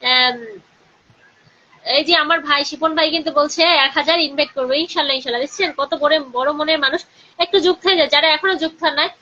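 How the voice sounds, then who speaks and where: A woman with a Bangladeshi Bengali accent hosting a live stream, chatting with viewers and urging them to share and comment, sometimes talking softly. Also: high-pitched, dull audio, slight background noise. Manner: speaking slowly and softly during the call to prayer.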